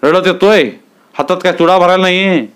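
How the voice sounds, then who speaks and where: A man's voice: sits high, moderate pace, a bit bright, smooth, voice pushed up. Agitated village man, heated and raised, put on by the narrator.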